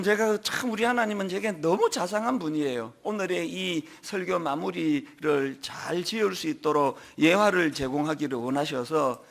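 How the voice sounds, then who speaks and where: A middle-aged man preaching a sermon as pastor, telling stories with emphatic swings in pitch and loudness. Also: creaky. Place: large church sanctuary.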